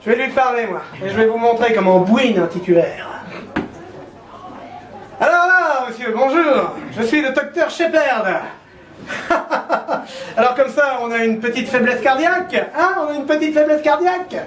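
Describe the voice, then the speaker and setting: A man's voice: very high-pitched, normal speed. A male comedian performing a stand-up sketch, playing a pompous TV doctor with theatrical asides. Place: stage before a live audience. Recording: echoey hall with live audience laughing.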